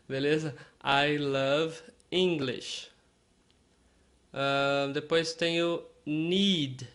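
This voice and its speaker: A man teaching English to Portuguese speakers in an online lesson, speaking slowly and repeating each word and example for learners. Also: on the high side, fairly bright tone. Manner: slow and deliberate, repeating and spelling out words for learners.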